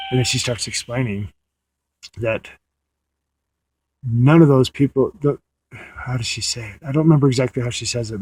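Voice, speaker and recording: An audio diarist sits in a parked car at night, recounting a dream in a casual, meandering way and frequently restarting his sentences. His mid-range voice comes through on a dry recording.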